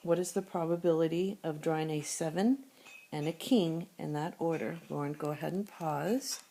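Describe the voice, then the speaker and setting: A math teacher with a sore throat walks through problems one step at a time in a screencast lesson. Her voice sits low and mellow. A faint hiss runs under it. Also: normal speed. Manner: steady step-by-step explaining, thinking aloud. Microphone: tablet screencast recording.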